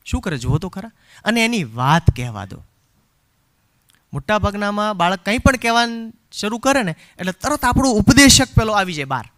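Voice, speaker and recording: A middle-aged man leads a parenting seminar, his voice high and bright. He tells his points as stories, acts out what people say, and drops English phrases in along the way. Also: moderate pace. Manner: animated storyteller who acts out quotes and chants rhymes. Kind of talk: live parenting seminar talk.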